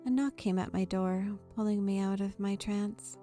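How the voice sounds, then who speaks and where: A gaming video host with a mid-range voice narrates visual novel text at normal speed, keeping her intonation fairly even. Soft game music plays behind her storytelling read-aloud.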